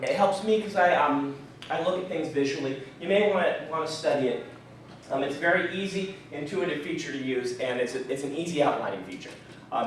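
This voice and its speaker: With a slightly high voice, a man in his thirties teaches writing at a fan convention, speaking casually before an audience in a convention room, restarting often and saying um a lot, his speech a little muffled by a throat lozenge. The echoey hall, a mic far away, and slight background noise shape the sound.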